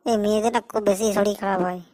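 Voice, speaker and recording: A woman's voice: medium pitch, fairly even intonation, very fast, darkish tone, no room sound, natural voice, rough recording. A woman voicing a lovesick young boyfriend who pleads, sulks and laments melodramatically in a comedy sketch. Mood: whiny. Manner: pleading, self-pitying, dramatic laments.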